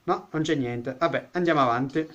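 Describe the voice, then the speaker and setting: A man's voice: a little high, brisk, fairly bright tone, lo-fi sound, a little hiss or hum. A man giving let's-play commentary on a horror game as a gaming YouTuber, joking, chatting with the game characters and blurting out startled exclamations.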